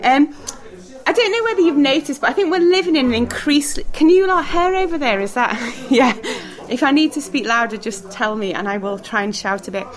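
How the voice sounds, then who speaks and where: Brisk and lively in intonation, a high-voiced woman runs a church group talk with discussion. She keeps things informal, laughing often and throwing questions to the room as background noise continues.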